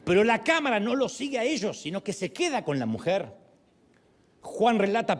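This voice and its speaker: A male pastor preaching a sermon, telling the story with humor and playful asides. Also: high-pitched. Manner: animated storytelling with humor and acted quotes.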